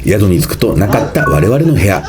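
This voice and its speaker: Male travel narrator, punchy variety-show voiceover, hugely varied pitch, dramatic turns, music playing underneath. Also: very animated, moderate pace. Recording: music behind the voice-over. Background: background music.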